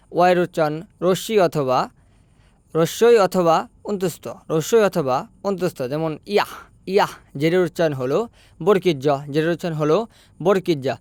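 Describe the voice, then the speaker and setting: Man, clear resonant voice, slightly high pitch, repetitive lesson pacing. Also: a little mellow, dry recording. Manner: says each letter and word twice, measured. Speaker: language teacher. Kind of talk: slow repetitive language lesson.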